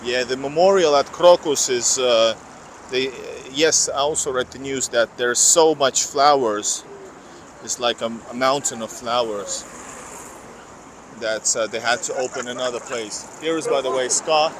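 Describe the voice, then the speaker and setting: A Finnish man with a slight accent, whose first language is Finnish or Russian, livestreams a walking tour through city streets as a vlogger. His voice is medium-pitched and unhurried, and he rambles, corrects himself, and reads viewer comments aloud. Traffic makes the outdoor recording noisy.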